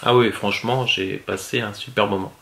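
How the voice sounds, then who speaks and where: Lower-pitched man in casual vlog chat. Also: fairly even intonation, moderate pace, vocal fry, a bit bright. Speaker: father in a family vlog.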